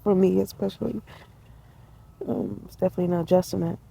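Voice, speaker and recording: Perched in a tree outside, a twenty-something vlogger chats casually and thoughtfully, using slang, touching on spiritual ideas and laughing a lot. She speaks fairly quickly in a low, steady, dark voice that is creaky with a breathy edge, and the recording is rough.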